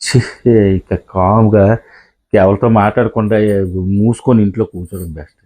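Middle-aged guy in a comedy skit, lowish voice, scolds then mutters to himself. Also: steady tone, moderate pace, warm tone, slightly rough. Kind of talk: scripted comedy sketch.

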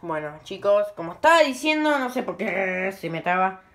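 A woman giving excitable let's play commentary, full of frightened cries and screams. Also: mid-range voice, moderate pace. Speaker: gaming video host.

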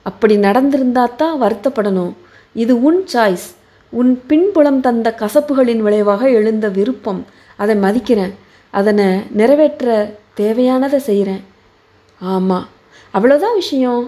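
Gentle young husband in a storybook reading, calm and reassuring, slow and mellow in delivery, as a woman reader plays him. He talks things through patiently. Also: very high voice.

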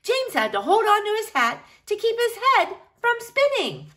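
With a very high voice and normal speed, a woman reads a picture book aloud to young children, addressing them directly and animatedly.

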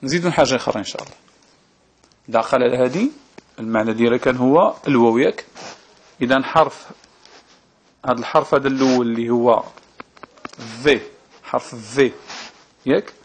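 A man with a Moroccan Arabic accent teaching reading step by step, slow and patient, often checking that the listener follows. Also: mid-range voice, a little hiss or hum. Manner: slow, patient, checks understanding with tag questions. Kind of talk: at-home teaching video.

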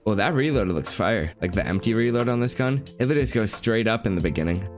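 In a small room at home, a young gaming YouTuber in his twenties chats with a friend while commenting casually on gameplay. His fairly low voice is nasal and blocked up from a cold, yet his intonation is lively; he talks fast and sounds upbeat and hyped. Soft music plays in the background.

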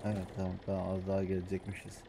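A man with a Samsun accent, an adult with young kids, giving hushed, muttering commentary over a farming game, as his channel's host. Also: deep voice, completely flat delivery, very fast, background noise. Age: adult with young children. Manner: talks quietly, mutters to himself. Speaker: gaming YouTuber.

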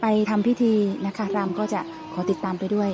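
A woman's voice: medium pitch, steady tone, a little fast, lo-fi sound, a crowd in the background. A woman hosting a casual interview, prompting with short questions. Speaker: host.

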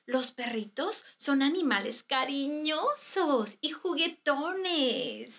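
Slow sing-song woman teaching babies. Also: high-pitched, big pitch swings, a bit bright. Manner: bouncy, exaggerated, giggly baby talk with playful animal sounds. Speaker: children's Spanish teacher.

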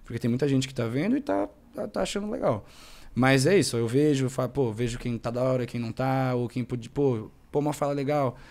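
A young man and actor, chatting casually as a podcast guest in a slangy, rambling, animated way. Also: mid-range voice, a little fast, vocal fry.

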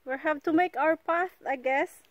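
A woman, chatting casually and a little breathy while vlogging a hike, recorded outdoors on a handheld phone. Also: high-pitched, normal speed, lo-fi sound. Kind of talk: casual hiking vlog. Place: outdoors in a forest. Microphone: handheld phone camera.

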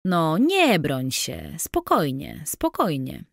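A woman reading the part of a drunk middle-aged man, coaxing in a low, slurred murmur. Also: huge pitch swings, takes it slowly, vocal fry, no echo, studio quality, exaggerated voice. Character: drunk middle-aged male guest, clumsy then pushy.

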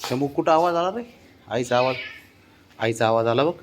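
A man of ordinary pitch chats to his cat at home. He keeps calling it along with short, patient, repeated words, now and then drifting down to a soft mutter, with a faint hiss of noise underneath. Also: moderate pace. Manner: coaxing, repetitive calls to a cat. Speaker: cat owner filming his pet. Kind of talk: casual talk to a pet.

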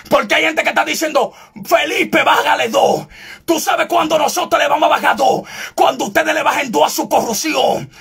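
A man preaching a fiery sermon as an evangelist, shouting insistently and confrontationally, at times breaking into tongues. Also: very high voice, gravelly.

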